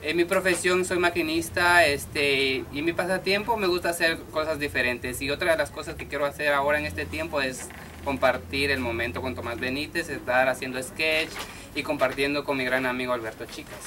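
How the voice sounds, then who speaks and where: A man in his thirties from Guatemala, introducing himself on camera as part of a comedy duo, upbeat and getting more excited as he goes. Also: a little high, fairly quick, a little hiss or hum. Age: 30s.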